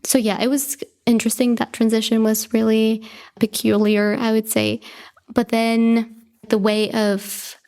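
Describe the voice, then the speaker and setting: A woman in her twenties from Bolivia, a native Russian speaker, is a guest in a casual conversational interview. Her voice is fairly high, level, a little slow and a little mellow. She talks reflectively, leans heavily on "like" and "you know," and laughs lightly.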